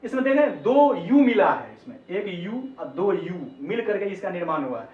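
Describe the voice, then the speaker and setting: A man's voice: high-pitched, very animated, moderate pace. A man teaching English pronunciation in a lesson, repeating each sound several times and calling the viewers friends. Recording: echoey, distant, dull lo-fi sound.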